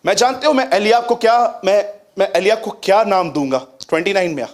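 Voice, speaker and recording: A man delivers a sermon in a fairly high voice. He keeps turning to the congregation with questions and leans hard on the scripture he quotes. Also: fairly quick. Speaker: preacher.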